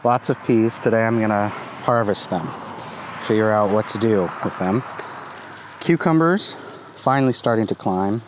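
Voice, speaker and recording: A man in his thirties giving a relaxed, casual tour of his garden while filming outdoors on a phone held at arm's length, with plenty of ums and uhs. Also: fairly low pitch, moderate pace. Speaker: gardening vlogger. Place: outdoors in a sunny community garden. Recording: outdoor phone recording with traffic noise. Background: passing traffic and outdoor ambience.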